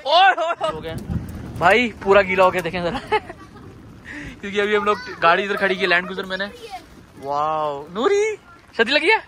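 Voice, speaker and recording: A young man filming a casual family travel vlog on a handheld phone, excitedly talking to viewers outdoors and from a car in heavy rain. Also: sits high, normal speed, a crowd in the background. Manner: excitable, keeps addressing viewers as guys. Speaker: vlogger.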